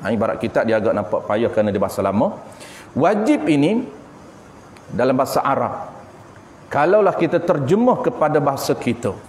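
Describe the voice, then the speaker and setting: A man's voice: mid-range voice, very animated, a little fast, darkish tone. A man with a Malaysian Malay accent teaching a religious class, explaining terms patiently and asking and answering his own questions. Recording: echoey hall with faint background noise.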